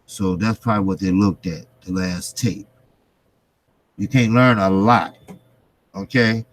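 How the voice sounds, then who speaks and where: Slow-talking man chatting about boxing. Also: deep voice, fairly even intonation. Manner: repetitive, emphatic phrasing with trailing pauses; informal, slangy, occasional swearing. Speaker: boxing vlogger, host. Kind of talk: casual boxing commentary to live chat viewers.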